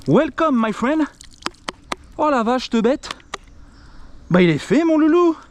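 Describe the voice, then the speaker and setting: Excitable man filming himself from a kayak. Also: extremely high pitch, takes it slowly, a little hiss or hum. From France. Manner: excitable, exclaims constantly, talks to the camera and the fish. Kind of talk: excited vlog commentary. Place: on a kayak on a river, outdoors. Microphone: action camera.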